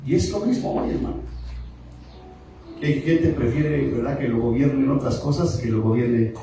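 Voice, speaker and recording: A man's voice: medium pitch, normal speed, background noise. Pastor, male, fiery call-and-response sermon, far mic, echoey hall with music. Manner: emphatic, call-and-response preaching. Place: church sanctuary.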